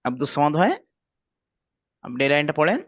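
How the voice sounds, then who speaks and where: A man's voice: a little high, lively intonation, a little fast, fairly bright tone. A man teaching a reading lesson, patiently drilling letter sounds with his students and praising them. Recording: dull lo-fi audio.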